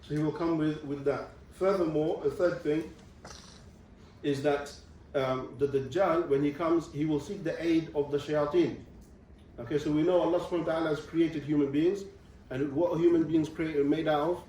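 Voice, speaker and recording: A man's voice: on the high side, steady tone, normal speed, dark tone, slight background noise. A young man giving a religious lecture to students, explaining step by step and often checking in with "okay.". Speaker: visiting Islamic speaker. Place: university lecture room. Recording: distant mic in a very echoey room.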